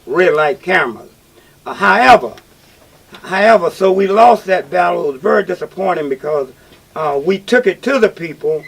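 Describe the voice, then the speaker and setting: A man hosting a talk radio call-in show, speaking in a halting, repetitive and emphatic way. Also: sits high, gravelly, rough recording.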